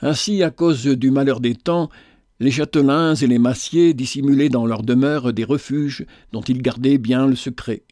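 A man narrating a story in a steady, measured storybook reading. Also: mid-range voice, dry recording, clean studio sound.

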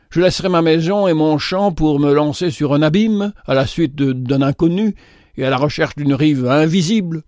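A man's voice: a little high, darkish tone, no room sound, clean studio sound, lightly acted. A man reading aloud gives voice to a stubborn, scornful older brother who mocks the idea of leaving home. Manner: scoffing, ironic.

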